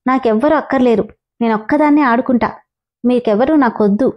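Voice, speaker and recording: A woman's voice: a little high, a little fast, highs cut off, lightly acted. A woman voicing a sulky little village girl who whines and sobs through her lines in a storybook reading. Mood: angry. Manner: whiny, sobbing, petulant.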